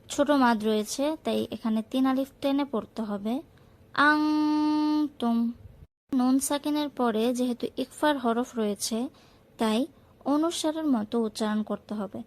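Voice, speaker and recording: A woman whose first language is Bengali, teaching Quran recitation. She chants verses slowly and carefully, drawing out each sound, then explains the pronunciation rules in plain speech. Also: a little high, a little mellow.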